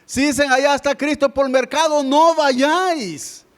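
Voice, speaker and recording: A man preaching a sermon in a fairly high voice. He keeps speaking straight to the congregation, climbing to loud appeals, then sinking into quiet, low asides. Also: level tone, quick pace. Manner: keeps addressing listeners as brother, swings between loud and hushed. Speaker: pastor.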